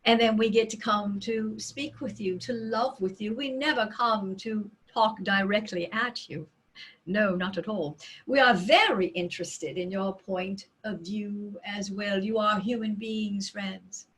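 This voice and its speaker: A woman speaking as a seance medium in trance, voicing a loving, serene spirit collective with solemn, deliberate phrasing and dramatic pauses. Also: medium pitch, fairly bright tone, husky. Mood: welcoming, delighted.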